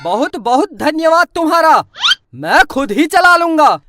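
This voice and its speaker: A woman's voice: sits high, big pitch swings, measured pace, loud music behind the voice. A woman voicing a short-tempered, frazzled cartoon father who snaps orders and complains about his life. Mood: grumpy. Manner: snapping, scolding, self-pitying complaints. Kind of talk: comic cartoon voice acting.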